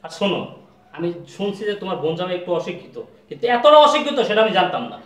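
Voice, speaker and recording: A man's voice: high voice, very animated, rapid-fire, reverberant, a loud crowd. A man playing a condescending brother-in-law. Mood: disdainful. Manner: condescending, disdainful. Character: haughty educated brother-in-law, insulted. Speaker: the sister's husband.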